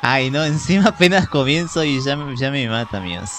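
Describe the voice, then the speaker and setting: A man's voice: medium pitch, expressive, a little fast. A man hosting a live gaming stream, exclaiming, groaning and laughing as he plays. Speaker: gaming livestream host. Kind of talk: live Roblox gameplay commentary. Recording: loud game music behind voice.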